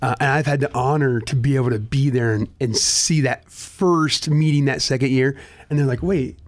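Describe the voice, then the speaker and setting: An American nonprofit director appears as a guest on a talk show, talking casually and earnestly about volunteering with frequent restarts. His voice is medium-pitched with fairly even intonation, and he speaks at a normal speed.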